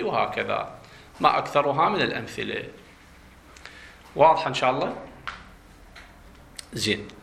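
His voice a little high and sharp, a man with an Iraqi Arabic accent gives a grammar lecture in a classroom. When explaining terms he lingers on key words for emphasis, and he answers the very questions he puts to the class.

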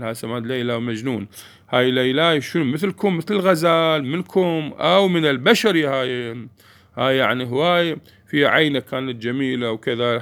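A man's voice: medium pitch, gravelly, fairly bright tone. A man teaching a grammar lesson, explaining step by step and answering his own questions to the class.

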